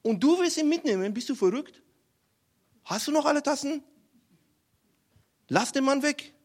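A blunt army general barks and scolds in a high, strained, loud voice, as a preacher acts him out. His tone stays incredulous and pushy throughout. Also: animated, brisk. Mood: scolding.

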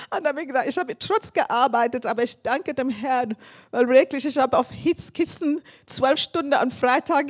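A woman in her fifties from England, with an English accent on her second language, preaching as a guest and sharing personal testimony with laughs and shouts of praise. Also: high-pitched. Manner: warm and thankful, with frequent laughs and praise shouts.

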